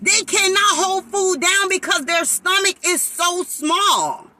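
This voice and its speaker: A woman's voice: very high voice, takes it slowly, sharp tone. A woman, preaching in a sermon-style live talk and fervently acting out voices.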